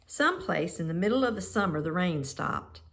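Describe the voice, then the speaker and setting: A woman reading a children's picture book aloud in measured, expressive phrases with pauses. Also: on the low side. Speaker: storybook reader.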